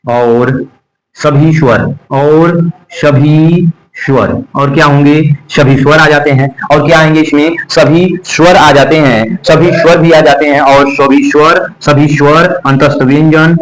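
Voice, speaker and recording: The recording is rough: a man teaching exam-prep grammar speaks at a fairly high pitch with fairly even intonation. He works slowly through repeated drills of letters and terms, asking the class questions and then answering them himself.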